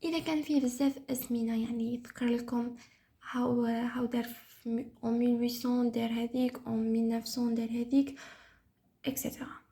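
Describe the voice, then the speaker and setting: A woman's voice: on the high side, creaky, warm tone. A young woman with an Algerian Arabic accent giving a casual exam review lesson, explaining patiently and repeating key terms. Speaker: teacher reviewing French for exams.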